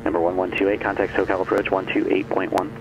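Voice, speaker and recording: Gravelly low-voiced tower controller over radio. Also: male voice, level tone, quick pace, noisy background. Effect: heard over an aviation radio. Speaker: air traffic controller. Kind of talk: clipped radio phraseology. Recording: muffled lo-fi radio transmission.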